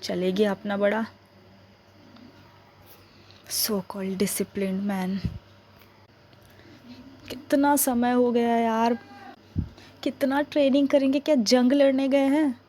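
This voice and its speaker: A woman's voice: on the high side, takes it slowly, pauses often, mellow, a little hiss or hum. A woman voicing a young woman stranded behind enemy lines in an ASMR role-play, grumbling to herself and pleading with stammers. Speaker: ASMR roleplay performer.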